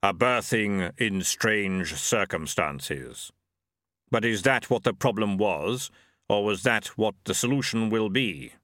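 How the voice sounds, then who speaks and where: A man voicing Death, a grave skeletal figure who speaks slowly and deliberately. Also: lively intonation, a bit bright, no echo, clean studio sound. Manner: deep, slow, measured. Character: Death, a grave, slow-spoken male skeleton.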